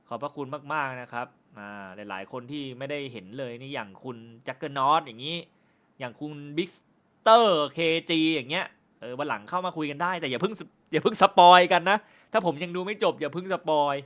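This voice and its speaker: A man hosting a film review channel, chatting casually with viewers on a live stream. He jokes, swears freely, and says he stumbles and stutters when he talks fast. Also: a little high, animated, a bit bright. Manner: loose and joking, with frequent swearing.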